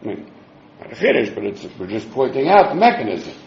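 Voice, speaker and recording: A man's voice: mid-range voice, sing-song, fairly quick, a little mellow, slight background noise. A man with giving an informal religious text lesson, reasoning aloud in a sing-song way as he asks and answers his own questions. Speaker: Talmud teacher. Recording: dull, echoey room recording.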